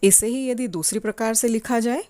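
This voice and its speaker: A woman teaching a grammar lesson to children in a slow, deliberate, clearly paced way. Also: on the high side, mellow, no echo.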